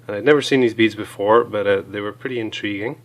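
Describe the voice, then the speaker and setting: A hoarse man with a cold chats casually and fast in a lowish voice while reviewing small gear items, using many fillers.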